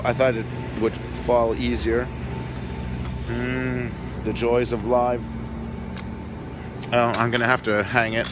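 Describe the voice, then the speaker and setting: A diorama workshop host, tired and losing his voice, films a big convention build on a handheld phone while walking the hall floor. He speaks in a mid-range voice against background noise, rambling offhandedly and leaving sentences unfinished.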